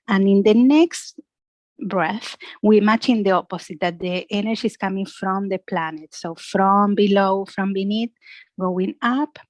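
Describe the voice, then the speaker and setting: This yoga and relaxation instructor has a medium-pitched voice, captured in a dry recording of poor audio quality. She guides a dry-sounding relaxation class through breathing and imagery, speaking gently and instructively and frequently asking "yeah?".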